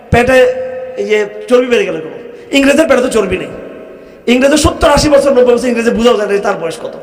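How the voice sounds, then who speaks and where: Man, Bangladeshi accent, fiery scolding sermon, long hall reverb. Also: sits high. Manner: scolding, rhetorical questions to the crowd. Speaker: preacher. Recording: echoey hall from far off.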